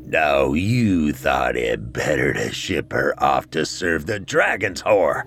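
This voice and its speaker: A man voicing a stern dead father with a gravelly, booming, accusing voice. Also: very animated, slow pace, a bit bright, slight background noise, exaggerated voice.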